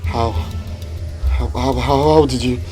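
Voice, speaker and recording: A man's voice: mid-range voice, level tone, dark tone, faint music behind, lightly acted. An actor playing a bewildered man, stammering. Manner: stammering, slow. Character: bewildered man trapped in a dream.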